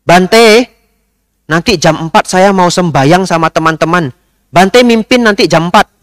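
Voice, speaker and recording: A man voicing a pushy middle-aged woman congregant who gives orders in a high, insistent voice. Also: unhurried, fairly bright tone. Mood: bossy.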